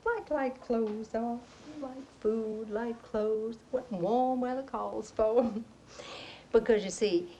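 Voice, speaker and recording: A woman's voice: a little high, slow pace, warm tone, highs cut off, slight background noise. An actress playing a middle-aged faded Southern belle mother, genteel and nostalgic, chattering with a Southern accent and theatrical laughs. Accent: American Southern. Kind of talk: stage play acting.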